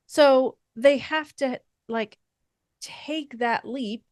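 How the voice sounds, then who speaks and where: Female co-host, young adult, unhurried musing delivery, dry close-mic sound. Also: high-pitched, dry recording. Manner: thoughtful, meandering, with fillers and soft laughs. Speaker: podcast co-host. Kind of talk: casual faith podcast chat.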